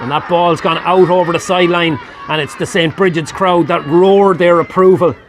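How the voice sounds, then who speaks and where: Irish guy calling a match live, kinda high voice, jumps up loud on the big chances. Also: fairly even intonation, moderate pace, a little hiss or hum. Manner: rises sharply in pitch and volume at scoring chances. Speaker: match commentator. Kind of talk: live sports commentary.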